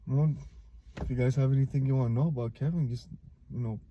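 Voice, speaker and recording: A man recounting a painful personal memory in a somber, halting way, with many pauses and fillers. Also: mid-range voice, fairly even intonation, highs cut off, slight background noise. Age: adult, a father. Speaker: vlogger. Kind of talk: personal recollection to camera.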